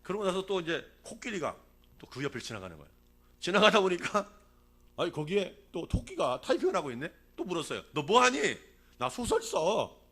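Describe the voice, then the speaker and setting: A man's voice: sits high, huge pitch swings, fairly quick, fairly bright tone. A man in his sixties preaching a revival sermon as a pastor, calling for responses from the congregation and telling a fable along the way. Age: 60s.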